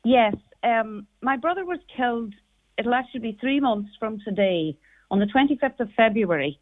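A woman's voice: a little high, lively intonation, normal speed, dry recording. A middle-aged woman with a Donegal Irish accent, speaking as a radio interview guest and recalling personal experience. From Carrigart, County Donegal, Ireland. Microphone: phone call. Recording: narrow tinny phone line.

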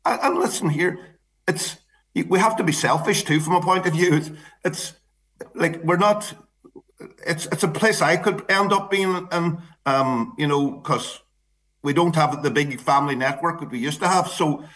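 A man with an Irish accent speaking off the cuff as an interview guest, halting and repeating his phrases. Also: a little high, fairly bright tone. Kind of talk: campaign interview, spontaneous talk.

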